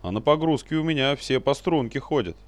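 A man's voice: mid-range voice, expressive, brisk, dry recording, voice pushed up, lightly acted. A man reading a story aloud and voicing a gloomy, stubborn male captain who defends himself sullenly.

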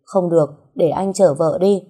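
A woman's voice: on the low side, moderate pace, mellow, slightly rough. A woman voicing a sick young husband who coaxes and pleads with his wife. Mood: pleading. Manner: pleading, coaxing.

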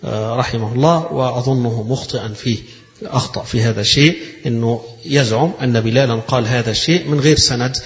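A man's voice: mid-range voice, fast. A man with an Egyptian accent giving a religious lecture, reading a passage and then explaining it in colloquial speech, repeating phrases to show their pronunciation. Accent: Egyptian Arabic. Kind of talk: lecture explaining a read-out text. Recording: echoey hall, dull lo-fi sound.

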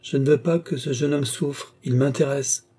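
A man voicing a calm, commanding male mesmerist in an audiobook, speaking with assured certainty. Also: mid-range voice, moderate pace, breathy edge, pitched above the performer's own voice, natural voice. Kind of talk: audiobook character voice.

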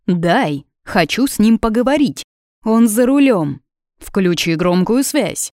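Female narrator as blustering dad on the phone, loud and pushy, dry close read, audiobook. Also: on the high side, sing-song, a little slow, no echo, pitched above the performer's own voice. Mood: demanding. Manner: blustering, protective, interrogating. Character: worried gruff middle-aged father on the phone.

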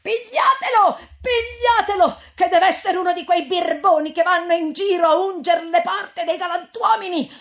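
A woman voicing a rude, sharp-tongued townswoman who answers curtly and yells in a husky voice. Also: takes it slowly, natural voice. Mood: shrill. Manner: curt, dismissive, then shrill yelling.

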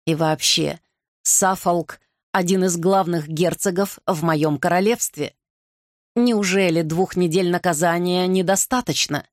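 A woman's voice: on the low side, measured pace, no echo, clean studio sound, close to an everyday voice. A woman reader voicing a stern, commanding king who growls his threats. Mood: persuasive.

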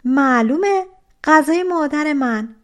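A rude, boastful girl, as a woman narrator plays her fires back her answers loudly and without respect. Her voice is pitched high and sounds cocky. It fits a fairy-tale reading. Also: lively intonation.

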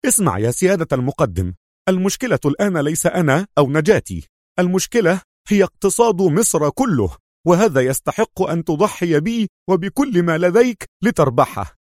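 A man's voice: sits high, fairly quick, dry recording, clean studio sound, voice pushed up. A man voicing a frantic young male spy. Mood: agitated, pleading. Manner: excited, pleading outbursts. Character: young male intelligence officer, anxious and stubborn.

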